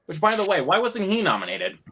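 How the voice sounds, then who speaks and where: Brief: an opinionated man in casual film talk, bright and animated. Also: sits high, a little fast, husky. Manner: opinionated, repeats words.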